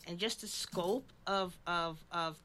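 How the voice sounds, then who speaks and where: Host, woman, 40s, slightly low voice, thoughtful chat, lots of restarts. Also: takes it slowly, sharp tone, slight background noise. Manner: thoughtful, with frequent fillers and restarts. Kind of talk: casual interview chat.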